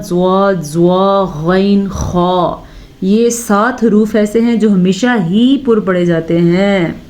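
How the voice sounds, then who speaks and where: A woman teaching Quran recitation, who explains step by step, points out common mistakes and recites phrases slowly with long held sounds. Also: medium pitch, a little mellow. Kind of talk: slow step-by-step recitation lesson.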